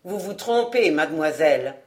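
A woman reading aloud, voicing an insolent male valet who speaks calmly and mockingly. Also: low voice, voice pushed down. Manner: mocking, unhurried, calm.

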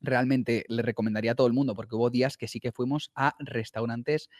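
Spanish man, casual podcast talker, animated and jokey, dry close sound. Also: medium pitch, fast, dry recording. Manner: animated storyteller, laughs often, swears casually. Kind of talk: casual chat.

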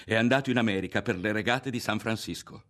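A man reading aloud voicing an eager, hopeful young boy who talks excitedly in an audiobook. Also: on the low side, quick pace, pitched above the performer's own voice, natural voice. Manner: excited, pleading.

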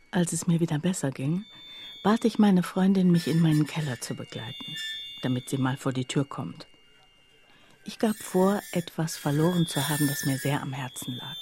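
In a lowish voice, a woman tells a literary radio play from the first-person view, speaking in a hushed, reflective and measured manner.

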